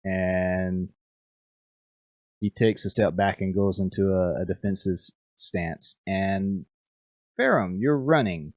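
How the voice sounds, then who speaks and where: A male game master narrates a tabletop game in a low, deep voice. He speaks slowly and haltingly, restarting his sentences often. The sound is dry and close, with no room in it. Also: no echo. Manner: halting, hesitant, many restarts.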